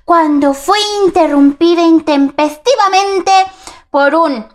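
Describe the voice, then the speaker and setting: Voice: high-pitched, slow pace. A performer voicing a cheerful young princess who tells a children's story in a sing-song, giggly way. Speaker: co-host storyteller. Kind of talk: storybook narration for kids.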